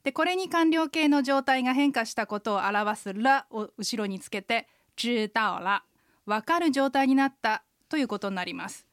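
A woman in her forties hosting a radio language lesson, explaining pronunciation slowly and carefully. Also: a little high, expressive, no echo, studio quality.

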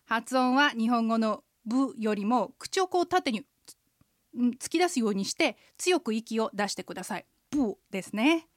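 A woman in her forties hosting a radio language lesson, explaining pronunciation slowly and carefully. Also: fairly high pitch, expressive, dry recording, studio quality.

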